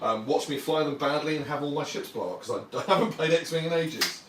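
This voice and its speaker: A man's voice: on the high side, lively intonation, a little fast, a bit bright. A man streaming a tabletop wargame from home, chatting to viewers and explaining the rules as he plays. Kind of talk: casual live-stream game commentary. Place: warm home apartment, indoors. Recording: roomy sound, distant mic, faint noise.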